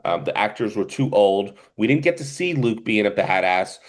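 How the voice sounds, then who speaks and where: A man's voice: fairly low pitch, animated, moderate pace. A man with a New Jersey accent co-hosting a casual film review podcast, rambling in a stop-and-start way. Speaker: podcast co-host.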